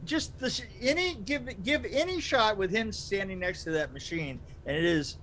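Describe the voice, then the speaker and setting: A man with a high-pitched voice rambles through a casual podcast chat, stammering and restarting as he laughs along. A faint hiss sits behind him. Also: lively intonation, normal speed, fairly bright tone, poor audio. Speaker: podcast co-host. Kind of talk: casual chat reviewing a movie.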